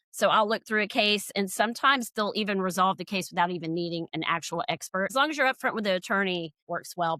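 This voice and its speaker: A middle-aged woman from Georgia with a Southern accent, a nurse giving a relaxed interview with fillers and trailing sentence ends. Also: medium pitch, no room sound. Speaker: guest, nurse and legal nurse consultant. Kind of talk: casual interview conversation.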